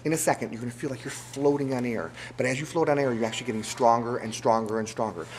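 A man's voice: medium pitch, steady tone, fast talker. A middle-aged man working as a stage hypnotist, giving commanding, repetitive, insistent instructions in a live show. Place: large theater stage before an audience. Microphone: handheld microphone through hall speakers. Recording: echoey hall, noisy crowd, camcorder audio.

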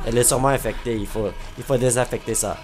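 A man's voice: mid-range voice, steady tone, fast, darkish tone, faint music behind. A man with a Québécois French accent giving let's-play commentary, exclaiming, joking and humming to himself as he plays. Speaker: gamer commentator.

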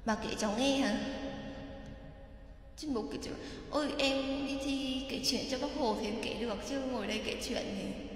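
A woman's voice: sits high, normal speed. A woman in casual, teasing chat, joking around with friends. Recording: echoey room with faint music.

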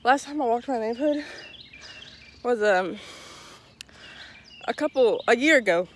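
A woman's voice: on the high side, lively intonation, unhurried, a little hiss or hum. A young woman chatting casually to her phone camera while walking outdoors, out of breath and joking about herself. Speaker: vlogger. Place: outdoors on a foggy neighborhood street. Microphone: handheld phone camera.

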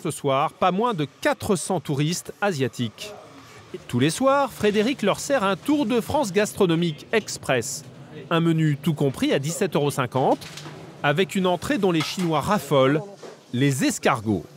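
A man's voice: a little high, sing-song, normal speed, slight background noise. A man narrating a documentary report in a scripted voice-over, over a music bed.

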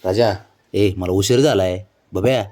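A man's voice: low voice, unhurried, mellow, a little hiss or hum. A man, coaxing his pet cat in baby talk and repeating words as he pleads and scolds it tenderly.

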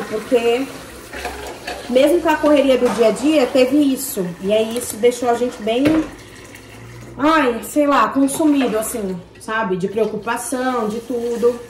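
A woman's voice: fairly high pitch, background noise. A young woman with a Brazilian accent, chatting to her viewers and telling a story in long, detailed detail. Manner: talkative, tells everything in detail. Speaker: family vlogger. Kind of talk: casual chat to camera.

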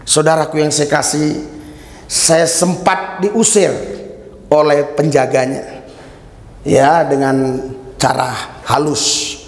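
A man's voice: fairly high pitch, fairly even intonation, takes it slowly, long pauses. A man preaching a fervent sermon as a pastor, telling stories and calling out hallelujahs. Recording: reverberant hall.

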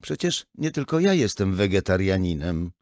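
A man's voice: low voice, sing-song, normal speed, darkish tone, no room sound, clean studio sound. A man reading an audiobook and voicing a sullen young son who mumbles his replies. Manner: mumbling, subdued.

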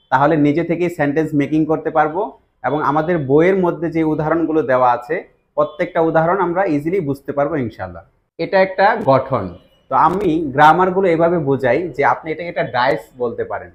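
A man's voice: on the high side, quick pace, dull audio. A Bangladeshi man, a language teacher, patiently explaining grammar step by step and asking his students rhetorical questions. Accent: Bangladeshi Bengali.

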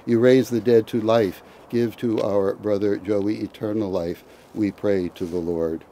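Low, dark-voiced man leading graveside prayers. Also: steady tone, slight background noise, low-quality recording. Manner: measured liturgical recitation. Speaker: priest.

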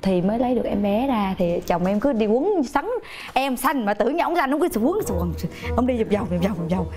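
A young woman guest telling a lively birthing story in casual chat, laughing often and acting out quotes. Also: a little high, brisk.

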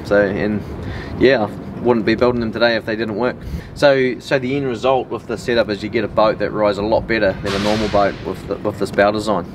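A man's voice: steady tone, a little fast, hardly any pauses. A man in his thirties with a New Zealand accent casually explains technical details in a plain-spoken way, as a boat builder showing his product. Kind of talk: casual product walk-through. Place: outdoors in a yard beside a metal boat. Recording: outdoor noise, distant mic, vehicle rumble.

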